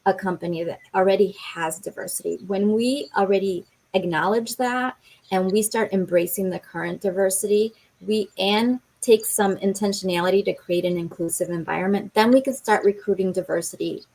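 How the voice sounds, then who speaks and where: A woman from Colombia, raised in the US Midwest, explaining her ideas earnestly and in a measured way as a guest on a live video interview. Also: mid-range voice, a little mellow. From born in Colombia, raised in the US Midwest. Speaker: guest, diversity specialist at a manufacturing extension partnership.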